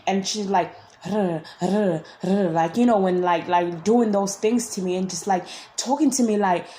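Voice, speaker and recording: A woman's voice: medium pitch, moderate pace, mellow, slight background noise. A woman telling a personal story in a casual vlog, rambling with constant "like" and frequent restarts. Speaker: vlogger.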